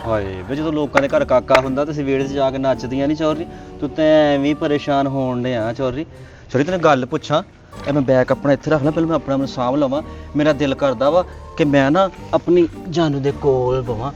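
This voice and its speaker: A man's voice: mid-range voice, quick pace, darkish tone, highs cut off, faint music behind, natural voice. A man playing a flirty, lovesick village woman in a comic sketch, coaxing and pleading with theatrical sighs. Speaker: comedian.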